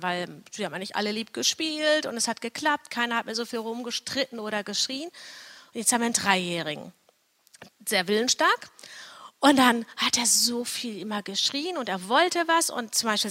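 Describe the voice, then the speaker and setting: A woman's voice: fairly high pitch, bright, forceful tone, in a large hall. A woman in her thirties gives an earnest, personal Bible teaching, often checking in with "ja?" as she talks.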